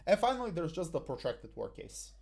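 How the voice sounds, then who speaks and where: Very animated and brisk, a young Bulgarian debate coach uses a fairly high, darkish voice with vocal fry to explain a debate motion over slides. Speaking into a headset in a small room, he hesitates often, with fillers and restarts.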